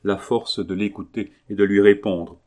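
A man's voice: lowish voice, fairly even intonation, normal speed, darkish tone, close to an everyday voice. A man voicing a soothing, devoted young nurse-friend. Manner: soothing, coaxing. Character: gentle, devoted young woman nursing her friend.

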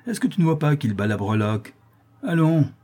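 A man's voice: on the high side, sing-song, fairly quick, warm tone, pitched above the performer's own voice. A man voicing a coarse, impatient bailiff's officer who barks slangy orders. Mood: brusque. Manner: gruff slangy barking.

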